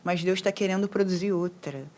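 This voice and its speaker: A woman speaking calmly and reflectively in a casual talk about prayer. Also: lowish voice, brisk. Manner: calm, reflective, often ends phrases with né. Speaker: guest on a faith livestream. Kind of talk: casual faith chat.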